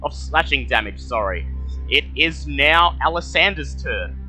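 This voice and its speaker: A man runs a tabletop game as game master, with a very bright, sharp voice on the high side. He narrates action dramatically and repeats rulings clearly, with music underneath. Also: animated, a little slow. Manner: dramatic descriptions, echoes players' numbers back.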